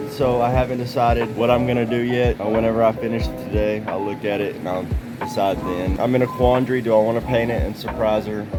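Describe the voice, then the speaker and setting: Man with whistling, slurred speech. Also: mid-range voice. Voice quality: slurred, whistling sibilants from new dentures. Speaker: handyman vlogger. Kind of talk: casual chatty project walkthrough.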